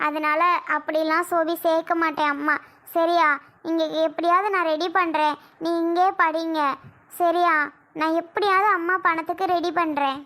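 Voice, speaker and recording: A high, bright voice gives this worried mother of two girls, played by a woman a soft and pleading sound. She talks in a sorrowful way in a family drama skit. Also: steady tone, moderate pace. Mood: reassuring.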